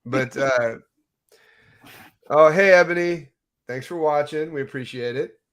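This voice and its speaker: A man's voice: on the high side, unhurried. A man in his late thirties hosts a podcast in chatty, casual talk over a video call. He pokes fun at himself and laughs easily as he rambles along. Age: 30s. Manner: chatty, self-deprecating, laughs often. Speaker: podcast host. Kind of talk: casual chat.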